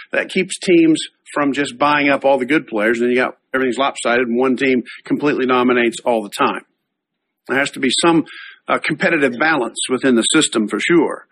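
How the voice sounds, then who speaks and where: A middle-aged man, a pastor, preaching a sermon, reading scripture slowly and then explaining it in a conversational way. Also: mid-range voice, a bit bright, low-quality recording.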